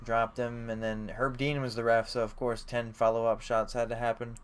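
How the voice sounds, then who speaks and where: A man's voice: mid-range voice, flat delivery, moderate pace, clear, resonant tone. A young man co-hosting a sports podcast, chatting casually in a rambling way with lots of fillers and the odd swear. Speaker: podcast co-host.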